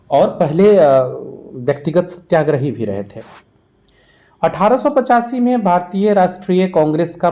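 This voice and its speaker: A history teacher with an Indian accent gives an exam revision lesson, posing questions and then answering them instructively. His voice is fairly high-pitched with a dark tone.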